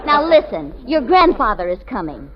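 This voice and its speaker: A sweet young woman who frets and coaxes in a high voice with wide swings. It is 1940s radio comedy, muffled, with a live audience. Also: big pitch swings, moderate pace, very noisy. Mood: gently scolding. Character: sweet, fretting young woman, as bride or mother.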